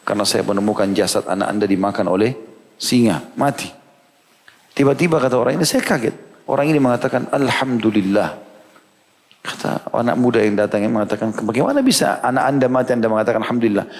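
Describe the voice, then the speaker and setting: Man, sermon storytelling, middle pitch, animated character voices, long hall reverb. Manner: animated storytelling, voicing characters' quoted lines. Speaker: preacher.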